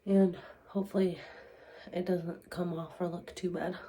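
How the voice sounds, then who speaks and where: A tired young woman, a new mother with a cold, talking candidly and softly in a casual home vlog. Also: lowish voice, level tone, a little slow. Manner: tired, candid, soft-spoken. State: stuffy from a cold. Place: home, indoors.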